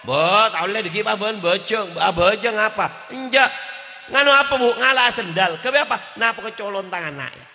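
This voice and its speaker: A man preaching a lively, joking sermon, switching between chanted prayers and shouted punchlines. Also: high-pitched, fairly quick, long reverb tail. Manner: animated, mixes jokes, chants and shouted lines. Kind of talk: humorous Islamic sermon.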